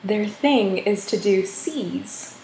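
A woman's voice: mid-range voice, takes it slowly, creaky. A young woman vlogger chatting casually and giggling, talking into her laptop mic. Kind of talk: casual chat on a video call. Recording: echoey room with faint noise.

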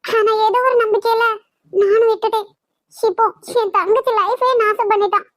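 A woman's voice: very high-pitched, steady tone, moderate pace, dry recording, poor audio. A woman voicing a shy, worried young heroine in a cartoon, talking in nervous, fretful asides. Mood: worried sad. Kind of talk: cartoon voice acting.

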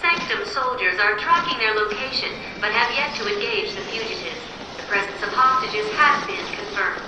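An actress voicing a calm, official female newscaster in a game, delivering a breaking news bulletin that cuts into a program and plays over public screens. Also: mid-range voice, moderate pace. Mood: urgent. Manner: crisp, formal news delivery. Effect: breaking news broadcast cutting into a program, heard over public screens. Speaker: news anchor. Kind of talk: video game cutscene dialogue. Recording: echoey, distant, noisy street broadcast.

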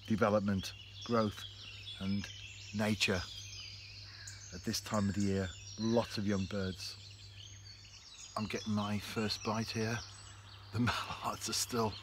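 Fishing on a canal bank, a man talks straight into a nearby camera in a chatty, reflective, easygoing way. His voice sits on the low side. Faint outdoor noise from birds and the countryside fills the background.

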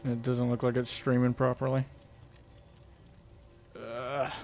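A man's voice: mid-range voice, monotone, takes it slowly, creaky, a little mellow, slight background noise. A man chatting casually on a game stream. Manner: joking, self-deprecating banter. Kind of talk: casual gaming livestream chat.

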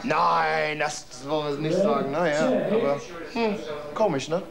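A man's voice: on the high side, a little slow, vocal fry. A man joking around in a teasing, questioning way. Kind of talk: casual banter. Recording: echoey room with a crowd.

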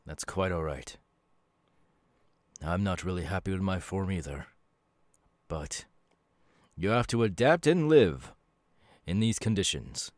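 A man voices a gentle, sad demon, formerly human, for an ASMR roleplay, speaking extremely low and slow yet animated. The sound is close and very dry, and his calm, wistful delivery is measured, with reflective pauses between phrases.

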